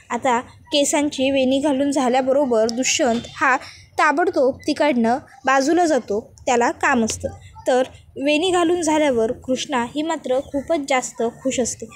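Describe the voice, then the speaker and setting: A woman casually retelling the episode of a TV serial, narrating and quoting each character's lines. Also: high voice.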